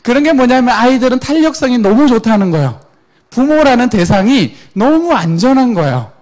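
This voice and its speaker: A middle-aged man giving a lecture to parents, animated, acting out quoted parents and children. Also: very high voice, fairly quick.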